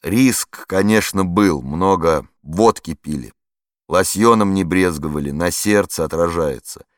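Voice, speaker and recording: A man's voice: low-pitched, unhurried, no echo, clean studio sound. A man reading an audiobook voicing a nervous, hungover former prison guard turned linguist, with flustered, increasingly frantic pleading.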